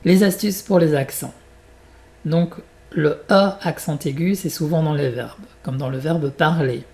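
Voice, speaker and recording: Slow, gravelly-voiced French teacher. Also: mid-range voice, a little mellow. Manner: slow, carefully articulated, repeats example words; gives short English glosses between French. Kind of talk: beginner pronunciation lesson.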